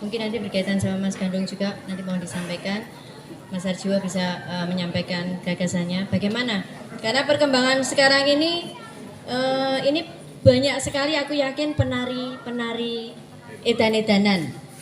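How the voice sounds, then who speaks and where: A woman hosting a talk, lively and teasing as she passes questions to guests. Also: fairly high pitch, normal speed, crowd noise. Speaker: host. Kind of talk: moderating a talk. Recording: echoey room with audience.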